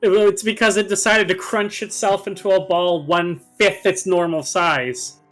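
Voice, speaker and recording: A man with a high-pitched, fairly bright voice speaks at a moderate pace in a steady tone, with soft music behind him. As co-host of a gaming video, he chats casually with friends and describes things with colorful exaggeration.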